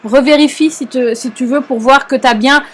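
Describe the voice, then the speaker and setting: French-accented woman teaching knitting, high voice. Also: normal speed. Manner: patient, explanatory, frequent hesitations and checks "d'accord?". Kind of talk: live online knitting lesson.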